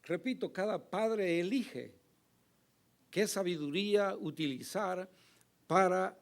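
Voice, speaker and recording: A male pastor preaching a sermon with a hoarse voice, earnest and emphatic, pausing to address the congregation. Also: sits high. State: hoarse, recovering from lost voice.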